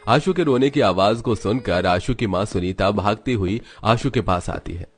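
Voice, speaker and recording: A man narrating an animated moral story in a scripted, even storytelling way. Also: lowish voice, normal speed, a little hiss or hum.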